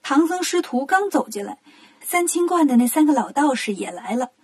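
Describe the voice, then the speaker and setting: A woman narrating a children's story in a lively, animated way. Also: high-pitched, normal speed.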